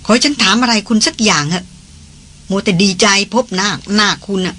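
A reader voicing an earnest titled lady on a jungle trek, who talks fast when anxious. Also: mid-range voice, expressive, fairly bright tone, breathy edge.

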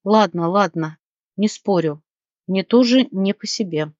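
A woman reading an audiobook, voicing a gruff young man who barks and grumbles. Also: mid-range voice, a little slow, a little mellow, no echo, close to an everyday voice. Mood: grumbling. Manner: barking, grumbling. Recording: dry, slightly muffled recording.

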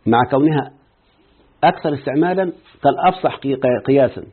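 Egyptian sheikh, quick husky grammar teacher who checks in with students, tinny phone line. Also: male voice, mid-range voice. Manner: quizzing students with repeated checks. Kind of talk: explaining a grammar text to students.

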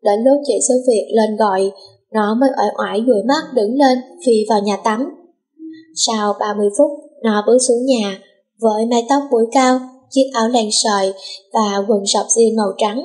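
A woman reading a story aloud as an audiobook narrator, with a smooth storytelling lilt. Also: on the high side, moderate pace, darkish tone.

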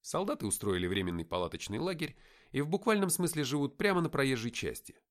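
A man narrating a first-person audiobook in a measured, dramatic storytelling manner. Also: mid-range voice, sing-song.

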